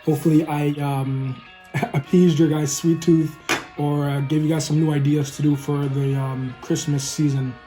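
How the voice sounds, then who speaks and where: Chatty food vlogger guy, kinda high voice, mellow tone, faint music behind, keeps saying guys. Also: little pitch movement, normal speed. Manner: upbeat, keeps calling viewers "guys"; talks while eating, savoring sounds. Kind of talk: casual cooking vlog with tasting.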